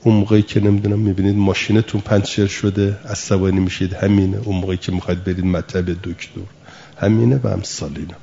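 A man's voice: sits low, little pitch movement, gravelly, mellow, lo-fi sound, slight background noise. A man teaching a lesson, patiently explaining through everyday examples and asking rhetorical questions. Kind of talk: spoken lesson.

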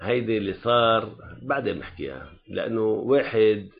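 Lebanese male teacher for a classroom lecture: animated and lively, keeps checking that students follow, dull lo-fi sound. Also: on the low side, fairly quick, gravelly. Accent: Lebanese Arabic. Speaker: religious law teacher.

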